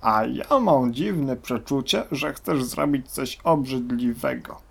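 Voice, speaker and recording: A man voicing a large, suspicious hippopotamus in a storybook reading, booming and wary. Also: animated, takes it slowly, gravelly, husky, exaggerated voice.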